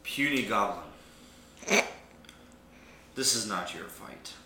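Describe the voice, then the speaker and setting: Ares, a proud male war god, scoffs at his foes in a lowish voice, as a man puts him on at the gaming table. The sound is echoey, with steady noise in the room. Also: slow. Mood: taunting. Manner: taunting, scornful.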